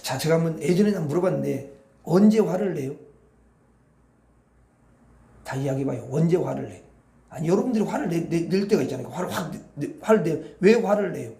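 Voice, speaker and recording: Male pastor, sermon, questions to the congregation, swooping lively delivery. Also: a little high, a little fast, gravelly, pauses often, roomy sound. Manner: preaching, asks the congregation questions. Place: church hall.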